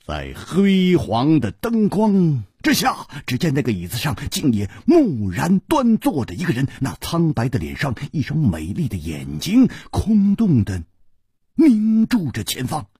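A male storyteller narrates a wuxia tale with theatrical flair. His husky voice sweeps dramatically up and down at a slow, deliberate pace. The recording is dry and close. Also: fairly high pitch, huge pitch swings, warm tone, no room sound. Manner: theatrical, with sweeping rises and falls.

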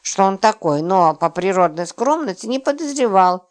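Brief: female narrator, mid-pitched, lively storytelling for an audiobook. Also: normal speed. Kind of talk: scripted narration.

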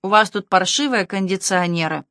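A woman voicing a haughty, sharp-tongued rich woman who talks down to the police, with cutting sarcasm. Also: mid-range voice, moderate pace, no echo, studio quality, lightly acted. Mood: imperious, sarcastic. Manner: sarcastic, imperious.

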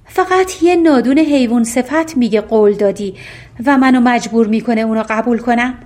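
Woman doing a candid young princess, high-pitched and questioning, storybook tone. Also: darkish tone, close to an everyday voice. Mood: frank. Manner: frank, questioning.

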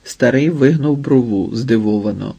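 A man reads a literary novel aloud in a steady, measured narration. His voice is husky and breathy at a mid pitch. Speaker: audiobook narrator.

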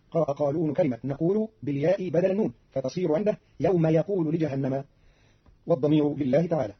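A male radio announcer giving a scripted explanation of recitation readings in a brisk, matter-of-fact way, from an old radio recording. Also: on the high side, slightly rough, lo-fi sound.

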